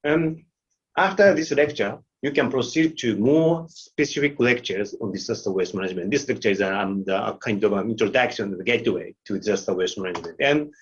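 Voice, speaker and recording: A man, giving an online lecture with slides, halting and full of fillers. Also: lowish voice, husky. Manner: halting, many fillers and restarts. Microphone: video call. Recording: muffled video call audio.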